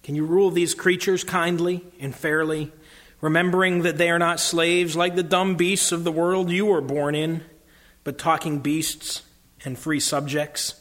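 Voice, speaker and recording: A solemn, kingly lion, as a man reads him aloud addresses his new subjects gravely and formally. His voice stays fairly high for a man and moves in a steady, measured way. The part comes from a storybook read within a sermon.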